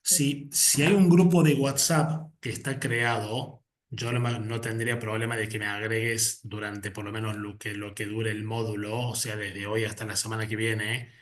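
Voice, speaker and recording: A man's voice: on the low side, steady tone, moderate pace, hardly any pauses. A male teacher on a video call, making a polite, hedging request. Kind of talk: online class talk.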